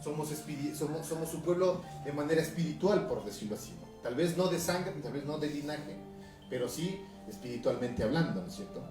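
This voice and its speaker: A male pastor from Ecuador with a highland Ecuadorian accent, preaching a conversational sermon, reading scripture aloud and often asking his listeners questions. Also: lively intonation, a little fast, darkish tone. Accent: Ecuadorian highland Spanish. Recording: echoey room from a distance, music behind.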